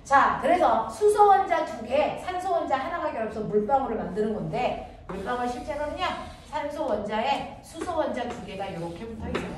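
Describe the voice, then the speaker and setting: A woman teaching a middle school science class, playfully asking quick check questions and drawing answers from her students. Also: sits high, animated. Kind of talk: classroom lesson with call-and-response questions. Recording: echoey room, distant mic, background noise.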